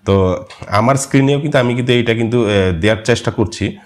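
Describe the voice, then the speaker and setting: A man whose first language is Marma, patiently explaining a screen-share language lesson and often pausing to hesitate. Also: medium pitch. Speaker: language course teacher.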